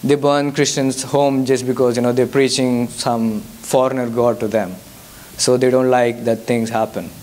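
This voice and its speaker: A young Indian man, a native Telugu speaker, responds to audience questions at a church youth service where he is the guest speaker. His English carries a Telugu accent, and his medium-pitched, darkish voice barely moves in pitch at a moderate pace. He hesitates often, restarting and using fillers.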